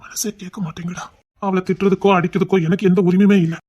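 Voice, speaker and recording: A man's voice: high voice, level tone, fast talker, a little mellow, highs cut off. Man playing a pleading remorseful husband. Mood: worried. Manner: pleading, earnest, heavy with regret. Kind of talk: Tamil audio drama acting.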